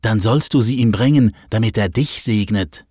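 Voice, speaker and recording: An urgent, determined mother pushing her plan, pitched higher than the narrator's own voice, as a man reads her part. Dry, close sound. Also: moderate pace, darkish tone, breathy edge, no room sound. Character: determined scheming mother, pleading.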